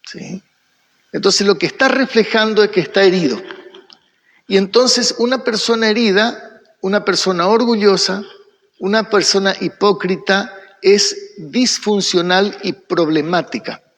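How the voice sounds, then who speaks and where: A man with an Argentine accent leads a church Bible study in a high, gravelly voice. He asks a question, answers it himself, and keeps checking in with his listeners. His voice echoes with long reverb, as if recorded in a large hall. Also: measured pace, a bit bright. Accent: Argentine Spanish. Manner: keeps checking in with the audience by asking "¿sí?"; poses questions and then answers them himself.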